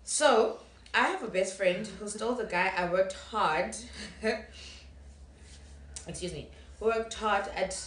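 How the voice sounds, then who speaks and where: A woman's voice: mid-range voice, slow, long pauses, fairly bright tone. A young woman guest in a casual chat, playful and laid-back. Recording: echoey room with faint noise.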